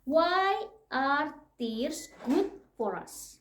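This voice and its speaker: Woman, storybook reader, very slow and soft, higher voice, roomy sound. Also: animated. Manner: slow, gentle, warm read-aloud with asides and soft laughs. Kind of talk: reading a picture book aloud to a child. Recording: roomy echo.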